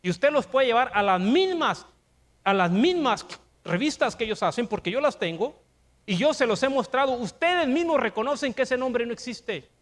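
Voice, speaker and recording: High-voiced older Mexican preacher. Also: male voice, expressive, normal speed. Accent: Mexican Spanish. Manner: emphatic preaching, rhetorical questions, rising to shouts. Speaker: pastor. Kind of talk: sermon.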